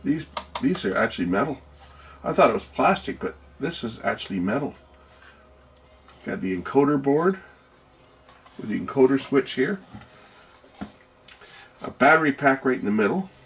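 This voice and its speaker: A video host with a gravelly, medium-pitched, fairly bright voice offers casual, hands-on commentary on electronics. He muses aloud and asks himself questions as he works.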